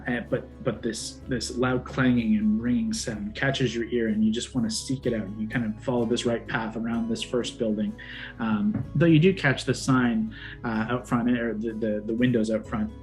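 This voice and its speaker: A man improvising descriptive narration as game master of a tabletop fantasy game, in a halting way. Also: medium pitch, darkish tone. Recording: music behind the voice. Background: background music with guitar.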